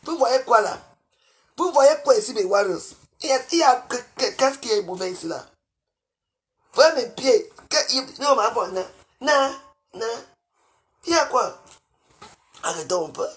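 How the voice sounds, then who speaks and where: A woman, livestreaming from her bedroom on a phone and scolding her viewers, swinging between loud outbursts and low mutters. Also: lively intonation, unhurried, pauses often. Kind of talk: live video rant at viewers.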